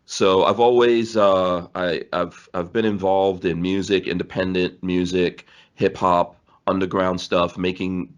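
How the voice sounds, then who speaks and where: The sound is lo-fi, yet his deep voice comes through clean, unhurried, with little pitch movement and few pauses. He's a man in his forties from Guyana, raised in New York City, rambling and laughing often as he restarts stories in a casual podcast interview.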